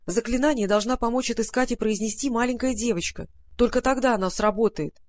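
A woman reading an audiobook, voicing a calm, earnest male fairy-tale friend who explains a worrying trouble. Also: a little high, fairly quick, natural voice.

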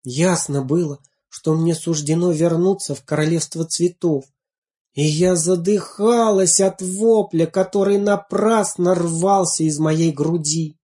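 A woman reading a fairy tale aloud in the first person, tender and expressive. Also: lowish voice, unhurried. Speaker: storyteller. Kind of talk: storybook reading.

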